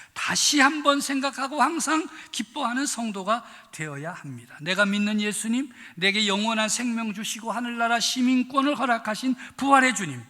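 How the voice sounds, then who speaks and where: A man's voice: very high-pitched, pushed and bright. Male pastor, Sunday sermon: earnest, repetitive emphasis, ringing church reverb. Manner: earnest, repeats phrases for emphasis. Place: church sanctuary.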